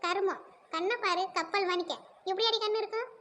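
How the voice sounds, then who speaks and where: A vain, bossy cartoon big sister snipes at her younger sibling in a very high, rapid voice, voiced by a woman. Her tone is haughty and quarrelsome, and a faint hiss runs underneath. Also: a bit bright. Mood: bickering. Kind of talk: cartoon voice acting.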